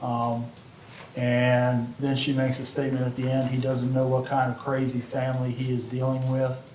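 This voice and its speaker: A man's voice: mid-range voice, monotone, normal speed, darkish tone. A man speaking as a defense attorney, plain-spoken and a little self-deprecating, questioning a witness on a courtroom recording. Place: large courtroom. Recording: echoey courtroom audio from a distance, faint noise.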